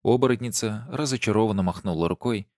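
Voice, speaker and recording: A man narrating an audiobook in an even, measured storytelling manner. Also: on the low side, no echo, clean studio sound. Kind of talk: scripted narration.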